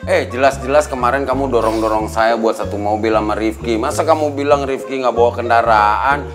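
A man's voice: medium pitch, natural voice. An actor playing a fussy middle-aged male lecturer who scolds his students and hurries them along. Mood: scolding. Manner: blustery, scolding, quick to doubt. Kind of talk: sitcom acting. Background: background music.

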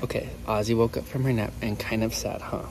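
A woman's voice: rumbling low, steady tone, a little fast, creaky, heavy background noise. A young woman chatting playfully on a casual family vlog, often talking to a small child. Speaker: family vlogger.

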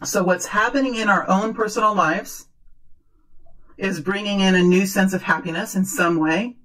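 Female tarot fortune teller, medium pitch, earnest halting phrasing with repetitions, unscripted reading. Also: low-quality recording. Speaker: tarot reader, host.

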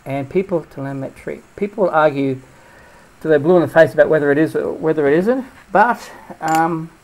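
A man's voice: fairly high pitch, normal speed, a little hiss or hum, low-quality recording. A man giving a casual hands-on tutorial as he builds a drone, thinking aloud and drifting into asides.

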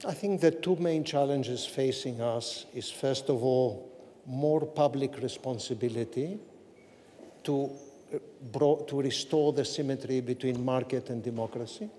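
A man's voice: medium pitch, measured pace, mellow, slight background noise. Emphatic older man on a stage. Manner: emphatic, gesturing. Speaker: panelist. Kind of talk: panel discussion answer. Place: studio stage, seated in chair. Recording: stage reverb, faint ambience.

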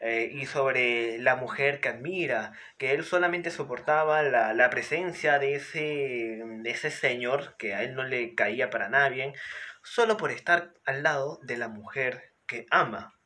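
Chatty man with a bright voice. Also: mid-range voice, a little slow. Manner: chatty, with frequent filler words and restarts. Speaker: book reviewer. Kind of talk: casual spoken book analysis.

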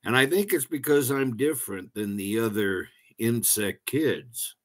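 Young boy mantis, gentle and earnest, storybook character, voiced by a man. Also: mid-range voice, unhurried, natural voice.

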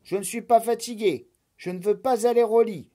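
A woman's voice: a little high, moderate pace, dark tone, voice pushed up, lightly acted. A woman voicing a stubborn young male rabbit who refuses to go to bed, whiny and insistent. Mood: grumpy.

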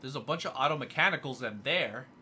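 A man's voice: medium pitch, expressive, fast talker, pushed and bright, a little hiss or hum. A man casually commenting on a video game as he plays, thinking aloud and easily amused. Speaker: gaming channel host. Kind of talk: casual let's play commentary.

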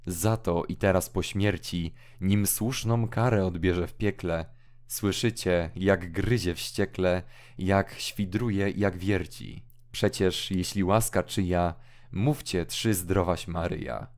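In an audiobook drama reading, a man voices a brooding, feverish young hermit in a deep, slow, slightly mellow and mournful tone. As he goes on, his lines grow restless and anguished, rising into agitated outbursts.

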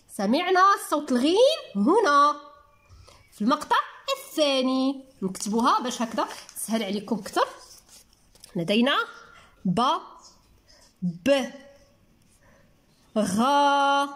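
A woman with a Moroccan accent teaching young children to read, sounding words out slowly one syllable at a time in a patient manner. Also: high voice, a bit bright. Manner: patient, talks to children as little ones. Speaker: primary school teacher. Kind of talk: reading lesson for young children.

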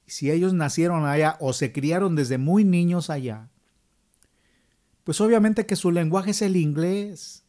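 Speaking a little slowly in a fairly high voice with a dark tone, a middle-aged Mexican channel host with a Mexican accent shares his opinions in a monologue. Along the way he asks viewers rhetorical questions.

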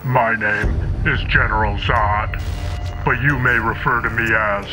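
A man voicing a menacing, mocking alien general in a silly parody redub, speaking with ominous deadpan pomposity through a broadcast effect with echoing repeats. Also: fairly low pitch, music in the background. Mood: ominous, scornful. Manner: ominous, slow, deadpan delivery of absurd threats.

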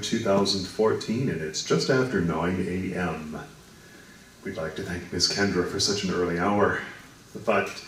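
A man's voice: deep voice, distant mic, slight background noise. A middle-aged man hosting an interview with formal, courteous introductions, speaking into a handheld mic on a small stage. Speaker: host. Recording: very echoey hall from afar.

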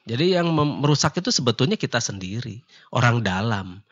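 A man calmly explaining religious teachings in a casual radio discussion, laughing now and then. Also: medium pitch, fairly quick. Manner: calm, explaining, laughs easily, mixes in local words. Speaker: martial arts teacher answering questions. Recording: dull lo-fi online radio sound.

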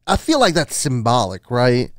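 A man's voice: mid-range voice, wildly swooping pitch, moderate pace, dry recording. A man in his thirties giving a casual film review as a podcast host, informal and full of "you know" and "man", close on a studio microphone. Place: small home room studio. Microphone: close boom-arm podcast microphone.

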